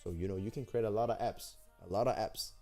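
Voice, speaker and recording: With faint music behind him, a young Dane speaks quickly in a lowish, slightly mellow voice while showing off an app builder live. His chatter to viewers is slangy, excited, and repetitive.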